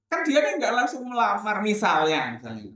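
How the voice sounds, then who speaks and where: A man's voice: high voice, moderate pace, distant mic. Man lecturing in a very echoey classroom. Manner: lively, acts out dialogues in changing voices. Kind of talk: classroom lecture on academic writing.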